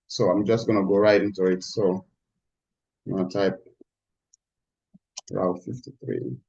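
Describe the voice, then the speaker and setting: A man teaching a live online class, heard through a screen-recorded video call, talking in a halting way with many restarts. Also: low-pitched, level tone, gravelly, darkish tone, lo-fi sound. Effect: screen-recorded video call audio. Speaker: instructor. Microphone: computer mic on a video call.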